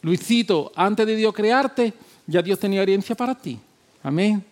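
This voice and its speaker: A male pastor preaching a sermon, emphatic and repetitive, moving between loud exhortation and quiet, low talk. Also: expressive, unhurried.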